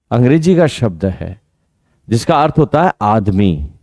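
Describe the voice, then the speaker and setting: A man teaching Hindi grammar in an exam coaching lesson, quizzing students on pronunciation and drawing out key words slowly. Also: mid-range voice, mellow, no echo, clean studio sound. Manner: drills pronunciation with repeated questions to students.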